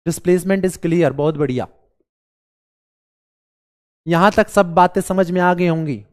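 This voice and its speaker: खराब गले वाला, खेल-खेल में पढ़ाने वाला शिक्षक. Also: male voice, high voice, slow pace. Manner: playful, coaxing, repeats questions to the class. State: hoarse with a cold, coughing. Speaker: teacher. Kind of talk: live online class.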